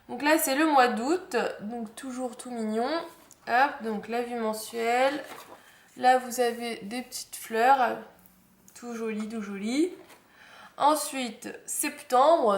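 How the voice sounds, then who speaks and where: A young woman chatting casually through a planner unboxing, fond of the cute details and saying "hop" as she turns each page. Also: fairly high pitch. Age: young adult. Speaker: planner vlogger. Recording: echoey room with faint noise.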